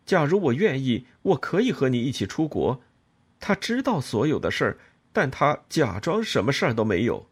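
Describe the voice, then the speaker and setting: A man's voice: medium pitch, sing-song, normal speed, breathy edge. A man voicing a lover who explains himself earnestly and pleads in an audiobook. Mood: pleading. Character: pleading male lover, self-pitying.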